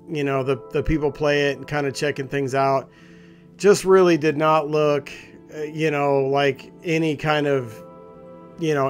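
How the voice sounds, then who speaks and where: On his gaming channel, a man with a slightly high voice chats casually with viewers in a rambling, informal, conversational way.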